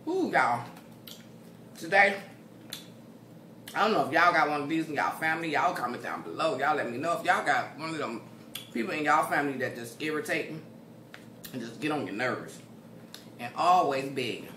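American lady doing a mukbang, talking while chewing, bright voice, echoey room w a bit of noise. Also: low voice, expressive, moderate pace, long pauses. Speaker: mukbang host. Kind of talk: casual mukbang chat. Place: indoor room at a table. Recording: roomy echo, faint background noise.

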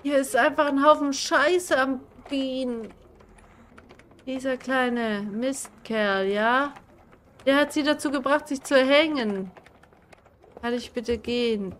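A woman's voice: high voice, takes it slowly, a bit bright, a little hiss or hum. A young woman giving casual commentary on a horror game she is playing, jumpy and swearing, screaming at the scares. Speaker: gaming streamer.

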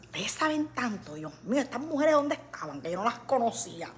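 Woman, high voice, casual live-stream host, chatty, lively. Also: brisk. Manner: chatty, lively, addresses viewers as nena.

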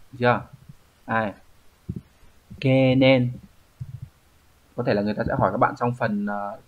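Thầy giáo nam giảng bài đều đều, tiếng hơi đục. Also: male voice, mid-range voice, lo-fi sound. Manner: explanatory, asks rhetorical checks like "right?". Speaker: Japanese language teacher. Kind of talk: explaining exam answers.

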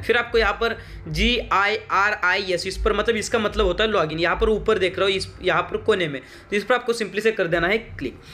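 A man's voice: sits high, fairly bright tone, slight background noise. A man giving a chatty, repetitive step-by-step walkthrough of a phone app for his channel. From India. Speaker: tech tutorial youtuber. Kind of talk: screen-recorded how-to walkthrough.

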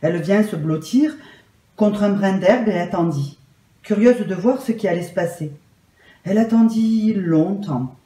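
Woman, storyteller, calm and measured, mellow voice, roomy echo. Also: medium pitch. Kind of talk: gentle read-aloud storytelling.

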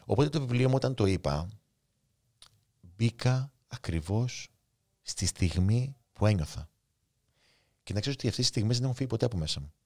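A man in his thirties with a Cypriot Greek accent, a guest author and coach, tells stories in a casual interview in an impulsive, emotional, spontaneous way. His medium-pitched voice is animated and a little mellow, and he pauses often.

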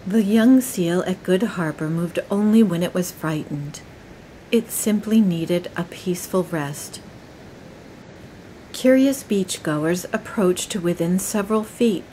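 A woman reads a nature documentary script in a calm, measured voice at a middle pitch. Her delivery is gentle and steady, with a faint low rumble under the recording. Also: poor audio. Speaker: documentary narrator.

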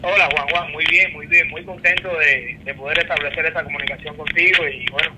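A man's voice: a little high, fairly even intonation, a little fast. A middle-aged man from Cuba with a Cuban accent, a guest answering interview questions over a video call, hesitant with many fillers. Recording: noisy call line.

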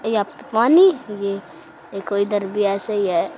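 A woman's voice: mid-range voice, unhurried, dull audio, a little hiss or hum. A woman vlogging casually outdoors with her phone, chatty and always telling viewers to look. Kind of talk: casual walking vlog. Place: outdoors in a village around home. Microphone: phone held while walking.

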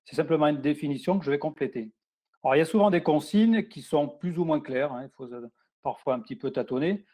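A man's voice: fairly high pitch, fast, a little mellow. A man giving a screen-share tutorial to teachers, explaining plainly with frequent fillers. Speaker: teacher trainer.

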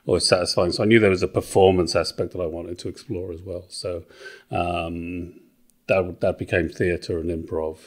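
A middle-aged Welsh man talking as a podcast guest. His voice sits fairly low, and he speaks hesitantly, pausing on fillers and restarting his sentences as he works out what to say. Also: slightly rough. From Wales. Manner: hesitant, thinks aloud with many fillers and restarts. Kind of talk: casual interview chat.

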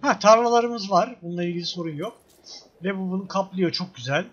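A man's voice: sits high, brisk, a bit bright, lo-fi sound. A man giving casual, joking let's-play commentary, exclaiming and talking back to the game. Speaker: gameplay streamer.

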